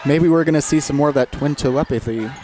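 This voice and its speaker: A man's voice: fairly high pitch, fast talker, a crowd in the background, background noise. A man giving casual color commentary and banter on a local sports broadcast. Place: courtside in a school gym.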